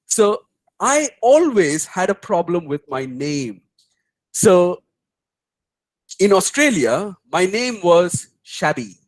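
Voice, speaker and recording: A middle-aged man with an Indian English accent, speaking as a guest on a webinar and telling anecdotes in an animated way. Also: sits high, takes it slowly, long pauses, no room sound, low-quality recording. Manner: storytelling, animated, mimics voices in anecdotes. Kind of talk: webinar talk answering questions.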